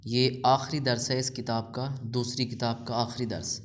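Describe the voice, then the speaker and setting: A man teaching a language lesson, reading out vocabulary words and explaining them slowly and patiently, often repeating a word several times. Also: mid-range voice, flat delivery, a little hiss or hum. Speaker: Persian teacher.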